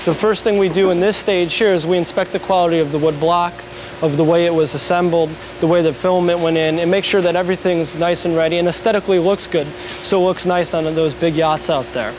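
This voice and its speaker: A man in his thirties giving a steady, informative explanation of how products are made, during an on-site factory tour. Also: fairly high pitch, a little fast. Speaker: factory guide explaining brush making. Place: factory floor with machines running. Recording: noisy factory floor.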